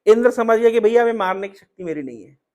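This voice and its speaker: This is a male preacher giving a devotional storytelling sermon. His voice is notably high, and he speaks emphatically, repeating key phrases and posing rhetorical questions to the listeners. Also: animated, fast talker, a little mellow.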